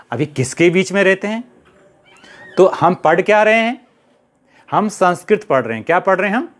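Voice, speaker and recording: A middle-aged man with a Hindi accent leads a Sanskrit grammar class, calling out letters one by one. He speaks very slowly in a slightly high voice, often posing a question and answering it himself. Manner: drills sounds, asks and answers his own questions; slow, deliberate recitation of letters. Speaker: Sanskrit teacher.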